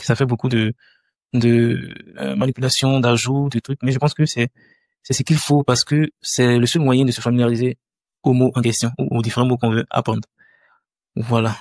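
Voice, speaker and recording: Male tutor walking through a screen tutorial, halting with fillers, mid pitch, dry room. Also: dry recording. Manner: hesitant, many fillers and restarts. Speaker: language teacher.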